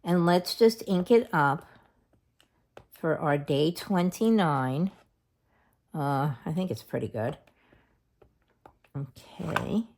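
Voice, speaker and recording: Lady vlogger doing a craft tutorial, slow and unhurried, kinda low voice, chatty, second-guesses herself. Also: animated, darkish tone. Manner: chatty, thinks aloud, self-correcting. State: has hiccups. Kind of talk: casual craft tutorial narration.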